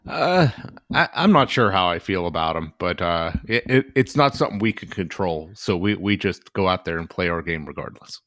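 Low-voiced halting podcast co-host man. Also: expressive, fairly bright tone, dry recording, clean studio sound. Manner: halting, repeats words, many uhs. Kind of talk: casual sports podcast chat.

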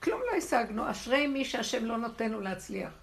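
Woman, high and gravelly, lively religious teacher, laughs through her points. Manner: expressive, laughing, rhetorical. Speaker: spiritual teacher. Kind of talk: animated religious lesson to a women's group.

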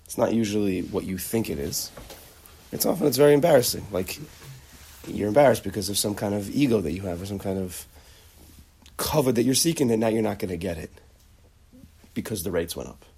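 A man's voice: fairly low pitch, expressive, fairly quick, mellow, husky. A man teaching a conversational lecture on character traits, acting out bits of dialogue and often restarting his sentences. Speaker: Torah teacher.

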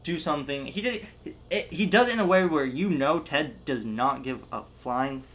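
A man's voice: on the high side, moderate pace, fairly bright tone. A man co-hosting a casual pop-culture podcast, saying "like" constantly and laughing in asides. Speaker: podcast co-host. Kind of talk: casual chat.

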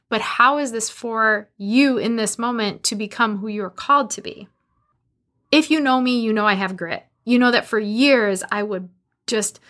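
A woman in her thirties hosting a solo podcast, talking earnestly and growing animated as she retells her own story. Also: a little high. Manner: earnest, animated when retelling, faith-driven encouragement. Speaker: podcast host.

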